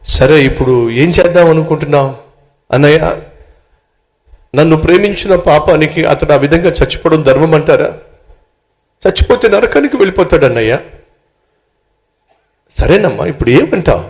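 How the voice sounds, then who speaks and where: A man's voice: a little high, animated, moderate pace, pauses often. A man voicing a pleading young woman. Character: worried young woman seeking prayer.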